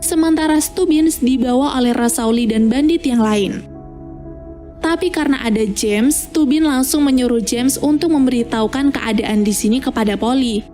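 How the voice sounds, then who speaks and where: A woman narrates a story from a script. Her tone is soft and mellow, and music plays behind her. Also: high-pitched, normal speed. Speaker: narrator of film plot recaps.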